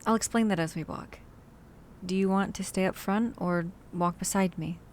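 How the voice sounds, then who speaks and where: Caring and practical, a woman speaks to the listener in meandering, hesitant asides as a talkative, careful survivor in an ASMR zombie-apocalypse audio drama. Close to an everyday voice, hers is medium in pitch and a little mellow, at a moderate pace, with a touch of hiss or hum.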